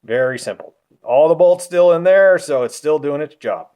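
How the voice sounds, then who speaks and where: A man giving a casual how-to walkthrough of an engine in a garage, talking in a relaxed, rambling way with ums and self-corrections, a little out of breath. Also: a little high, normal speed. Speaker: car hobbyist vlogger.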